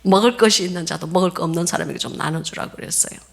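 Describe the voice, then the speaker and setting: Gravelly-voiced woman pastor preaching. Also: fairly low pitch, very fast. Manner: animated storytelling, laughs often, acts out quoted voices. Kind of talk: sermon.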